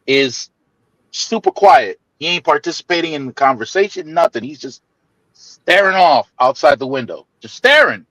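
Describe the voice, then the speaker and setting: A man spins a story in loose, casual chat, his voice climbing and dropping all over as he laughs and trips over his own restarts. He is fairly high for a man and sounds close and dry, with no room around him. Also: no echo, rough recording. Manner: animated, laughing, stammering restarts, swings into high mimicking voices.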